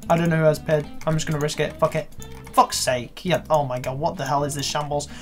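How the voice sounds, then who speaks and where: A young man doing live gameplay commentary, swearing and breaking into excited shouts. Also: on the high side, fairly quick, soft background music. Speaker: gaming video creator.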